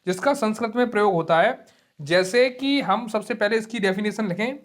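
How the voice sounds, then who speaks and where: A man's voice: sits high, fairly bright tone. Casting note: male teacher in an exam-prep lecture, patient, repetitive, drags vowels out to demonstrate them. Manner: explains slowly, repeats key terms and keeps saying "ठीक है". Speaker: Hindi teacher.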